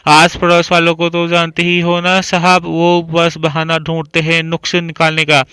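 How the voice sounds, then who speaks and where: Brief: nagging old mother-in-law, taunting and scolding, bright clear tone, read by a male narrator. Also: fairly high pitch, monotone, moderate pace, no echo. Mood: scornful. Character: sharp-tongued old mother-in-law, woman.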